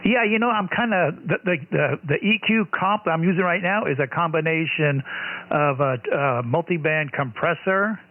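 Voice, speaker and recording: A man chatting casually on the air as an amateur radio operator, halting, with many restarts and fillers, his voice coming through slightly off frequency on sideband radio. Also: fairly high pitch, slight background noise. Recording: tinny narrow-band radio transmission.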